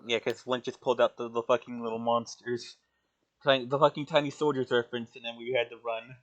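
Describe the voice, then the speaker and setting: A man's voice: mid-range voice, flat delivery, brisk. A man chatting casually as a tabletop game player, informal and prone to swearing.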